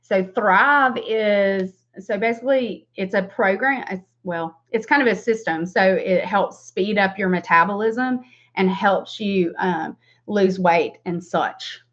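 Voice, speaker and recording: A muffled, lo-fi webcam recording of a woman with a Southern American drawl. She hosts a casual makeup livestream in a mid-pitched voice, informal and rambling, chatting directly to viewers. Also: takes it slowly, fairly bright tone. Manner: informal, rambling, self-deprecating asides. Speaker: beauty livestream host and makeup seller. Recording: dull lo-fi webcam stream.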